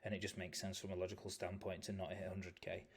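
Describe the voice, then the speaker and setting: In a casual market analysis video, a tired, yawning man rambles through chart analysis, relying on "obviously" and correcting himself as he goes. His voice is low, husky, monotone, and fast.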